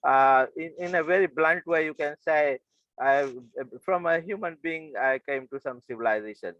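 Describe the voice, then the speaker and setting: A man's voice: fairly high pitch, normal speed, no room sound, lo-fi sound. Hesitant man from Fiji, storytelling. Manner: hesitant, many fillers and restarts, chuckles. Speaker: guest speaker. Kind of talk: personal storytelling.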